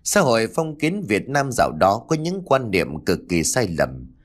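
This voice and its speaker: A man narrating an audiobook story in a dramatic, expressive way. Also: lowish voice, normal speed.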